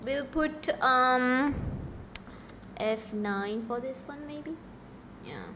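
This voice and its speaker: A woman's voice: high-pitched, very slow, noisy background. A woman streaming a game live, chatting casually and giggling with her viewers.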